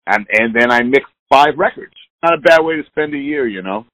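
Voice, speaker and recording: An animated man in his sixties, a musician guest in a casual interview, chats loosely, candidly and ramblingly. His voice is medium-pitched, fairly quick and a bit bright, heard with no echo over a dull lo-fi line.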